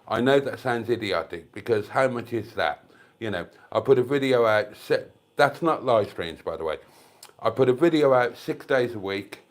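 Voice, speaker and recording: A YouTube livestream host, older and British, talks at a moderate pace in an expressive, mid-range voice. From his home near the fridge, using a desk microphone, he coughs through a congested cold and rambles casually, self-mocking, with his viewers addressed as darlings.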